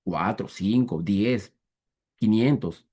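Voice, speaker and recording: A male teacher with a mellow, relaxed voice gives an online math lesson over a video call. He walks through each example slowly and deliberately. He keeps pausing to check that his students are following. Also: on the low side. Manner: patient, repetitive, checks understanding with "¿ya?"; slow, deliberate step-by-step counting.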